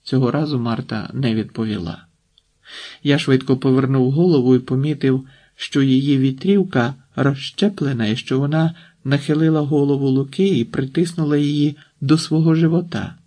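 A man reading a literary audiobook in a calm, measured narrating voice. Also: mid-range voice.

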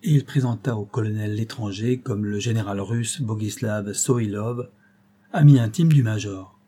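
A man narrating a classic tale in a measured, expressive reading voice. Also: lowish voice, husky. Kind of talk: scripted audiobook narration.

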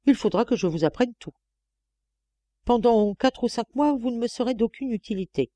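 A cruel, scornful old woman of an audiobook, imperious and cutting as she sizes up a maid, put on by a woman reader. Her voice sits high and is pushed loud and sharp. It has a mellow undertone in a dry, close recording. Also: animated, normal speed, no echo.

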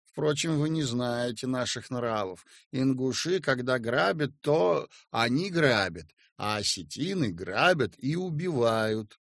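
A man's voice: medium pitch, expressive, a little slow, gravelly, a bit bright, no room sound, clean studio sound. A man voicing a nervous, fussy middle-aged hostess who frets aloud. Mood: flustered. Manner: flustered, anxious.

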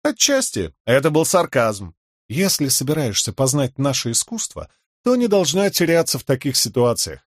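A man's voice: mid-range voice, big pitch swings, moderate pace, dry recording, clean studio sound. A man reading an audiobook, voicing a worldly con woman who teases and instructs her young pupil. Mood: wry. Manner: wry, instructive. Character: worldly older woman con artist, teasing and wry.

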